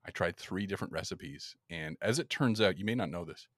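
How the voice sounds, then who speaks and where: A man hosting a podcast in casual chat, laughing often and talking in an animated way. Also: sits low, fairly quick, no echo, studio quality. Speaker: podcast host.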